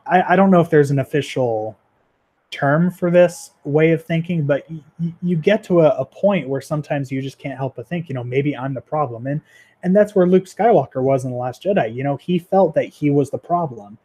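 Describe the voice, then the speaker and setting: A man's voice: fairly high pitch, fairly quick, dark tone. A man in his twenties, a 3D animator, chatting casually on a livestream in a rambling, self-deprecating way with many fillers and restarts. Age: 20s.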